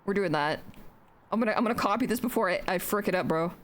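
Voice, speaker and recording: A woman's voice: mid-range voice, quick pace. Chatty young woman streamer, swearing freely. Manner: chatty, joking, swears freely, talks to herself. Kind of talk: casual live-stream chatter while building in a game.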